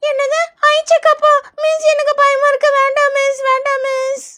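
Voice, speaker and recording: A woman voicing a frightened, whiny little schoolgirl in a doll play, wailing high. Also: monotone, moderate pace, fairly bright tone. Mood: pleading.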